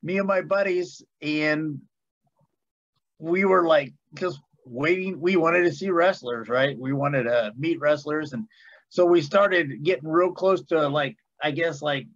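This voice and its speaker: A man's voice: on the high side, a little slow, lo-fi sound. A man in his fifties, an author guest, telling stories in a folksy, easygoing way with hesitant fillers. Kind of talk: casual interview chat.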